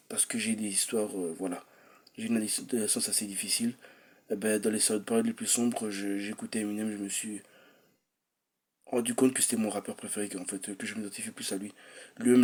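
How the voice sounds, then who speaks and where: A young man rambles through a personal vlog, hesitant, circling back with fillers and restarts. His voice sits a little low and has a husky edge. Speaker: vlogger.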